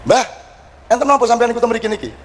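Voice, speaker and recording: A man's voice: extremely high pitch, lively intonation, quick pace, pitched above the performer's own voice. A man voicing a polite traffic policeman who addresses an old man deferentially in East Javanese dialect. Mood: pleading.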